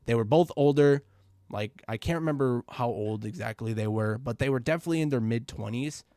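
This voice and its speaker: A man's voice: brisk, dry recording, clean studio sound. Young guy, casual slangy storytime. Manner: casual, slangy, addresses viewers as bro and you guys, swears; quiet and low at first, grows loud and excited. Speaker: vlogger telling a story.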